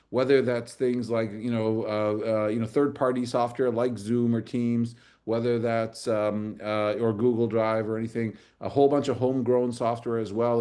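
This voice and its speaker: A man's voice: medium pitch, a little mellow. A middle-aged man from Michigan giving a casual talk in a college classroom, with many "uh"s and restarts. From Michigan, USA. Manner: hesitant, many fillers and restarts. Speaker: guest speaker, engineering director. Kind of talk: fireside chat talk.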